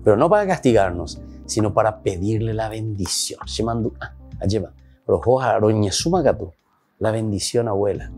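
A man's voice: lowish voice, a little mellow. A Paraguayan priest preaching a sermon in Spanish mixed with Guarani, with emphatic rises in his voice. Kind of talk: sermon reflection.

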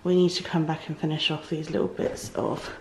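A British vlogger in her thirties chats casually to a handheld camera held at arm's length, walking around indoors to show off her house renovation. Her voice is deep, brisk, and flat in delivery, and the recording quality is low.

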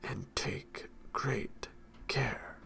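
A man voicing a secretive, commanding holy man in a hushed whispered role-play. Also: extremely slow. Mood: cold command.

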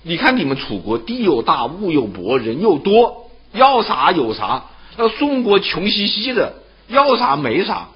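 A man's voice: sits high, wildly swooping pitch, measured pace, hardly any pauses, husky, lo-fi sound, voice pushed up, heavily acted. A man voicing a shrewd old male philosopher who needles his listener with rhetorical questions. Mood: mocking.

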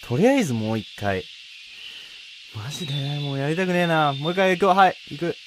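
A man's voice: fairly high pitch, expressive, fairly quick, slight background noise. A man giving casual, nervous, pleading commentary as he plays a horror game, talking to himself and his viewers. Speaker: video game player and commentator.

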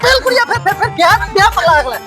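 A woman's voice: very high voice, very animated, racing, over loud music. A woman voicing a stern, bossy father with a who orders and hurries his son around. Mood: scolding.

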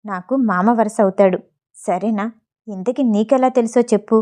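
A man's voice: extremely high pitch, normal speed, darkish tone. Woman reading as a teasing young man. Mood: exasperated. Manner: teasing, exasperated. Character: playful young man, teasing, easily shocked.

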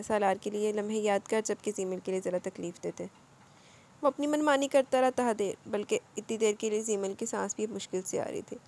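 A woman narrating a romance novel aloud at a steady storytelling pace. Her voice sits at an ordinary middle pitch, with small slips and restarts as she reads. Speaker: audiobook narrator.

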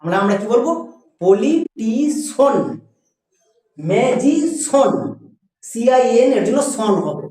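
A teacher giving a spelling and pronunciation lesson, patient and repeating words slowly for students. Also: medium pitch, expressive, darkish tone, very echoey, far from the mic, rough recording.

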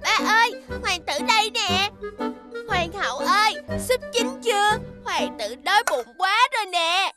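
Tiny cheeky cartoon boy, very high, slow and sweet, kids' music under. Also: lively intonation. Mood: teasing. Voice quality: high childlike voice. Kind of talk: 3D cartoon dubbing. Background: children's music.

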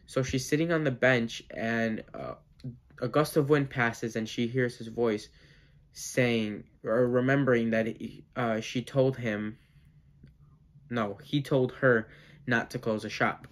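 A man's voice: medium pitch, fairly even intonation, slow. A man talking casually to the camera about his script and reading it aloud, hesitant, with many fillers and restarts. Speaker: amateur scriptwriter.

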